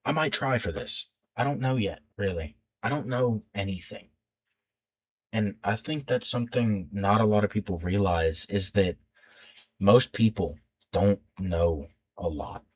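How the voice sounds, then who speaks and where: A YouTube creator in his late teens, with a low, deep voice, talks directly to his channel in a loose, unscripted vlog at a slightly slow pace. He rambles and backtracks, stuttering when nervous as he restarts his sentences.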